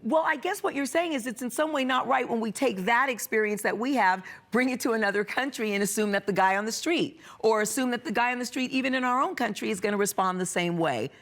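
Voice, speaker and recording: A woman's voice: a little high, fast talker, few pauses, fairly bright tone. A woman hosting an interview, musing aloud and searching for words as she asks questions. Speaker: host. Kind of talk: conversational interview.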